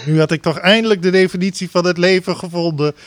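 A man reading a comic story aloud on a talk show, switching to loud sung party chants and laughing along. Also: high voice, fairly even intonation, quick pace, no echo, clean studio sound. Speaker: reader of a book passage on a talk show.

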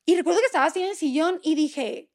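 Here a thirties-aged Mexican woman, a podcast guest, recounts something personal in a colloquial, emotional way, sometimes close to tears. Her high voice is animated and quick. There's no room sound, just a clean studio recording.

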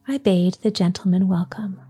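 Breathy whispering woman telling a story. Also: on the low side, fairly even intonation, normal speed, dark tone, soft background music. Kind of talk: whispered bedtime story reading.

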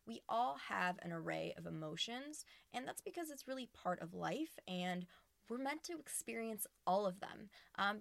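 A woman's voice: medium pitch, vocal fry, fairly bright tone, dry recording. A woman hosting her podcast in casual, earnest chat, recorded inside a small empty closet. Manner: chatty and earnest, with frequent restarts. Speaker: podcast host. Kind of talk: casual solo podcast talk.

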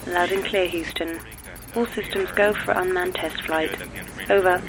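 An actor playing a calm male space centre controller who answers over a radio link in brisk, clipped radio procedure. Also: high-pitched, a loud crowd, poor audio. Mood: routine. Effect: heard over a radio link. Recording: loud background noise.

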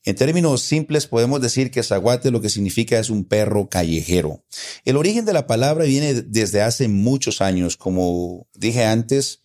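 A man from Costa Rica, speaking with a Costa Rican accent in a medium-pitched, animated, slightly mellow voice at a moderate pace, is a guest explaining local slang. In casual conversation, he patiently goes over local words, often repeating his points.

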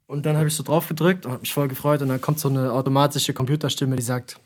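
A man's voice: medium pitch, steady tone, fast. A young man hosting a casual podcast, joking and telling stories with playful exaggeration. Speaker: podcast host.

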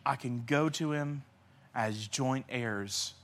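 A man pastor preaching a sermon with passion, swinging between loud cries and hushed near-whispers, repeating key phrases for emphasis. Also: mid-range voice, slow.

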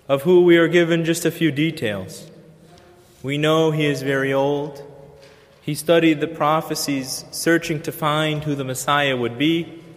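A man preacher delivering a sermon in an earnest, measured way with pauses. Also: fairly high pitch. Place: church. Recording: long church reverb.

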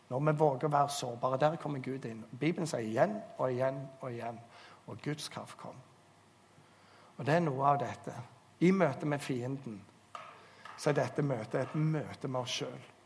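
His medium-pitched voice is a little mellow as he preaches in a reverberant church hall. Through stories and earnest appeals, he presses his listeners to act.

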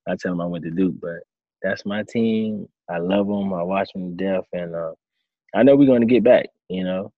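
A man in his thirties, a former quarterback turned coach, answering interview questions in a relaxed storytelling way. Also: sits low, moderate pace, no room sound, phone-quality sound. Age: 30s. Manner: relaxed storytelling, acts out his own past thoughts.

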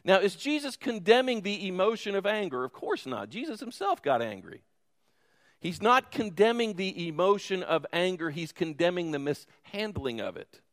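A man's voice: sits high, big pitch swings, moderate pace, fairly bright tone. Man preaching in a church. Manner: conversational preaching, asks the congregation questions and jokes. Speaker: pastor. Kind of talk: sermon. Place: church sanctuary. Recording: reverberant church hall.

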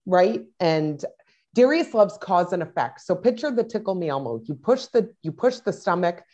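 A woman in her thirties with a notably low voice talks at length as a guest parent. She rambles, stopping and restarting with plenty of fillers. The sound is dull and lo-fi, as over a video call. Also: lively intonation, moderate pace, warm tone. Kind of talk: casual interview talk.

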